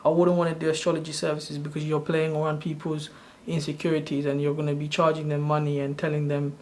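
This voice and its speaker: A man's voice: a little high, completely flat delivery, fast talker. A man in his thirties from Sri Lanka, hosting his own channel and talking through a screen-share tutorial in a loose, rambling way, often correcting himself as he goes. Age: 30s. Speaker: channel host.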